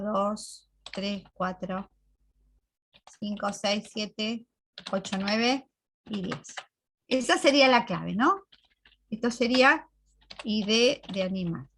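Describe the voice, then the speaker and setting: A woman's voice: medium pitch, fairly bright tone, a little hiss or hum. A woman computing teacher, walking students through a class step by step and checking they follow. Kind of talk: recorded class walkthrough.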